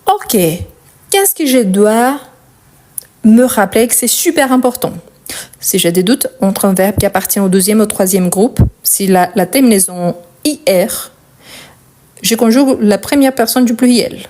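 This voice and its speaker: A woman's voice: mid-range voice, measured pace, mellow. A woman with a Portuguese accent teaching a French conjugation lesson, explaining patiently step by step and checking in often with the learner.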